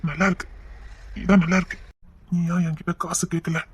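A man plays a contrite young husband with a Tirunelveli accent, speaking in a soft, low, quick voice. The recording is dry and close. It plays as an intimate family drama scene. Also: flat delivery, breathy edge, dry recording. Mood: tender. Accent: Tirunelveli Tamil.

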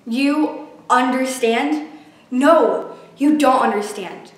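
A woman's voice: sits high, fairly even intonation, drawn-out words. Echoey, anguished grieving daughter acted by a teenage girl. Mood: bitter, accusing. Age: young teenager. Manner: tragic, sorrowful, emotionally wrought. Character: grieving, angry, anguished daughter, a tragic heroine in sorrow. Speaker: actor performing a monologue. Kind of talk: dramatic monologue. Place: small bare indoor room. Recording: echoey room, distant mic, noisy.

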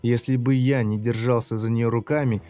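A man narrates a first-person horror story in a measured, dramatic manner. His voice is mellow and of middling pitch. Faint music plays underneath. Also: fairly even intonation.

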